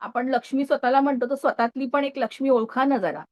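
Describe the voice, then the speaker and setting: Woman in her thirties, live motivational speaker, chatty and engaging, pitched a bit high. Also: fast. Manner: lively, chatty, frequent check-ins with the audience. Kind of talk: live motivational talk to an audience.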